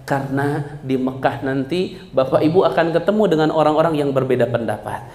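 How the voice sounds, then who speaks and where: A man, a religious teacher, guiding pilgrims and telling a story with lively acted-out dialogue. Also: a little high, fairly quick. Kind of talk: pilgrimage guidance talk with storytelling. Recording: echoey room.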